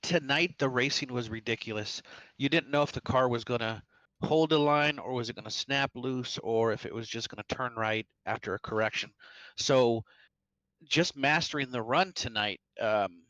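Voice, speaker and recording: A man's voice: medium pitch, dry recording, poor audio. A man, a sim racing driver, earnestly recapping the race in a post-race interview. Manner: earnest, animated, quick recap.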